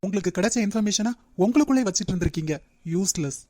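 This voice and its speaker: A woman voicing a strict young male company manager in a cartoon, who talks in a brisk, lecturing way. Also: medium pitch, lively intonation, warm tone, no echo, clean studio sound, close to an everyday voice. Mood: stern scolding. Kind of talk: Tamil cartoon dub.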